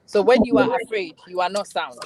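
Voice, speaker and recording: A woman's voice: mid-range voice, a little fast, darkish tone, a little hiss or hum, poor audio. A woman hosting a casual group book discussion, thinking aloud in a reflective, self-deprecating way. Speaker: book club host.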